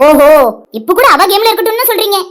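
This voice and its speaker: A bossy, sharp-tongued young village woman from a cartoon, voiced by a woman. She has a very high voice and a Tirunelveli Tamil accent. Her sarcastic lines come out at a rapid-fire pace. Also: expressive.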